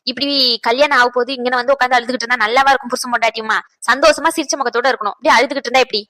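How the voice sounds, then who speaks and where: A woman voicing a motherly older aunt in a cartoon, who comforts and gently scolds. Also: a little high, fairly even intonation, rapid-fire, no echo. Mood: soothing. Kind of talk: cartoon dubbing.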